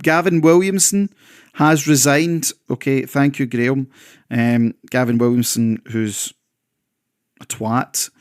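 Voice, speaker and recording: A man's voice: medium pitch, fairly even intonation, slow, clean tone. A man hosting an online news show, interviewing a caller casually and teasingly, often repeating his phrases. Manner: repeats phrases, teasing, addresses guest as sir.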